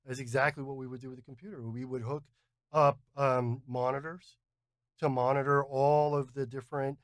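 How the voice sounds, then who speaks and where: A man co-hosting a podcast, explaining ideas in a measured way with frequent "um" and "uh". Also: medium pitch, level tone, dry recording, studio quality. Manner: measured, with many "um" and "uh" fillers. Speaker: podcast co-host. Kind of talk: casual explanatory chat.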